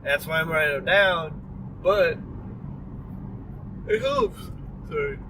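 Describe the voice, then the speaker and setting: A man's voice: fairly high pitch, normal speed. A tired young man rambling through a casual driving vlog, full of fillers and apologies. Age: young adult. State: tired and yawning. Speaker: vlogger. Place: inside a moving car. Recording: distant mic with clear road noise.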